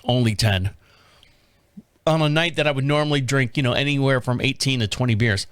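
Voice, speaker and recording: A man's voice: mid-range voice, fairly quick, clean tone, dry recording. A man in his fifties hosting his own podcast, rambling through a casual solo monologue, self-mocking and laughing often. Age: 50s. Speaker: podcast host.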